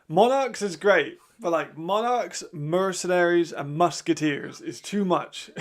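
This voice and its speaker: Hosting a watch-along while suffering from hay fever, this man speaks slowly in a raspy voice that sits high. His live commentary is casual and talkative, with frequent laughter.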